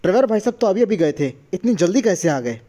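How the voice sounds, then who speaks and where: A man acts out an earnest young hero in a fan machinima, pressing his allies with urgency. The voice sits fairly high. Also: big pitch swings, quick pace, mellow. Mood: urgent. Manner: urgent pleading.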